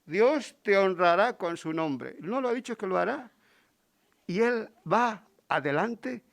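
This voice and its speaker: Slow, gravelly Spanish preacher. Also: male voice, high-pitched, lively intonation, fairly bright tone. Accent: Spain Spanish. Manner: asks the congregation rhetorical questions. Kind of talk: Sunday sermon with Bible readings. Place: church.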